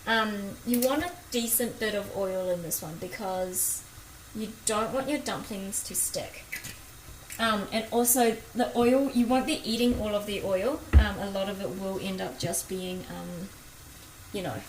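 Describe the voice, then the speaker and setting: A woman's voice: medium pitch, measured pace. A woman with a broad New Zealand accent chatting casually and informally as she hosts a cooking livestream and greets viewers. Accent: broad New Zealand (Kiwi). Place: indoor home kitchen. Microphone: phone, at a little distance. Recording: echoey room, clear kitchen noise. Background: sizzling pan, stirring, kitchen noise.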